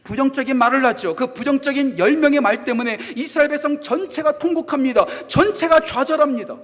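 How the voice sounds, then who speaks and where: A middle-aged male pastor with a very high voice preaches quickly in a large church sanctuary, with long reverb trailing each phrase. He hammers points home by repeating them and drops to near-whispers for asides before building back up. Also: a bit bright. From South Korea. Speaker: associate pastor. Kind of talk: sermon.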